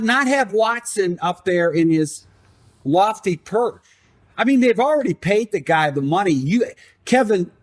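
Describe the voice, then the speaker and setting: A man co-hosting a sports podcast, ranting emphatically and sarcastically. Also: sits high. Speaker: podcast co-host. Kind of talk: casual sports podcast rant.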